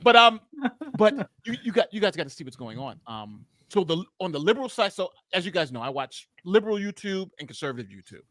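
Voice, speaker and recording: A man on a video call, a lawyer on a casual panel chat, talking in an animated, rambling way and laughing often. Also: sits high, brisk, no room sound, clean studio sound.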